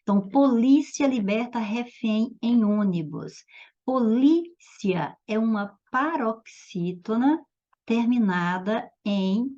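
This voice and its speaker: A woman with a Brazilian Portuguese accent teaching a grammar lesson for exam preparation, slow and emphatic, stretching out key words. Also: fairly high pitch, dark tone, dull audio.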